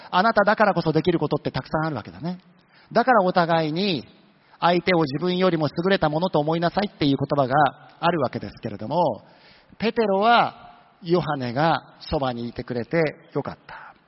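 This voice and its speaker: A man preaching a sermon, telling the story with humorous asides. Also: high voice. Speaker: pastor. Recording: dull lo-fi sound with long hall reverb.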